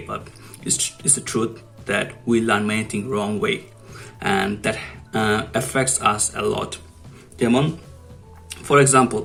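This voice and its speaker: A man's voice: medium pitch, gravelly. A young man explaining exam tips casually in a vlog, slipping English phrases into his talk. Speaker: vlogger.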